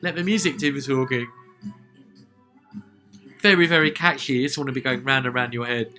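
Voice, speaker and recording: A man's voice: mid-range voice, steady tone, moderate pace, sharp tone. A man from southern England with a southern English accent, hosting a music podcast in a chatty, rambling way, full of "uh" fillers and chuckles. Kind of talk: casual music review commentary.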